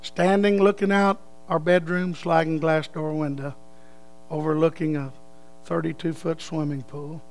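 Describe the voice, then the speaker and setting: An older man preaching a sermon, telling a folksy story and leading prayer, swinging between loud bursts and hushed lines. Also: a little high, flat delivery, unhurried, creaky, soft background music.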